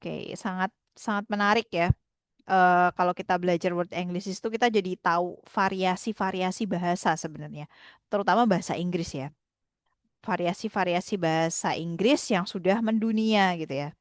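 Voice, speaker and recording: A woman's voice: lowish voice, no echo. A young woman casually explaining a university lesson, chatty, with lots of tag fillers. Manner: chatty, frequent tag fillers, slowly acts out example phrases. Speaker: university student presenter.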